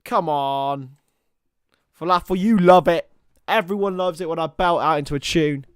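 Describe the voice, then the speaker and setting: A young man speaks at a moderate pace in a slightly high voice with a clean tone, in a dry recording with clean studio sound. On a watchalong stream, he calls a football match live and chats with viewers. His casual commentary is chatty, hopping between the match and banter with chat.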